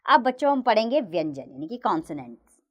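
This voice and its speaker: A woman teacher narrating a grammar lesson for children, reciting the letters slowly and clearly. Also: mid-range voice, lo-fi sound. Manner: slow, clear recitation of letters with lively sing-song rises and falls.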